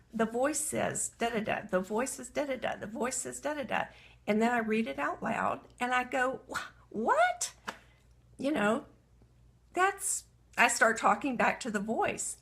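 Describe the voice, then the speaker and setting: A woman with a gravelly edge to her voice leads a live coaching talk at an unhurried pace. She speaks earnestly and reflectively, reading entries aloud from her journal as she guides a writing exercise. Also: mid-range voice, a bit bright. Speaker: coach for women entrepreneurs.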